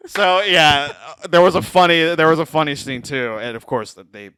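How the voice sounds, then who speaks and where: Bright-voiced man telling stories animatedly. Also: a little high, moderate pace, clear, resonant tone, no room sound. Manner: animated storyteller, acts out quoted lines, laughs often. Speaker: podcast co-host. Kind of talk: casual chat, retelling comic stories.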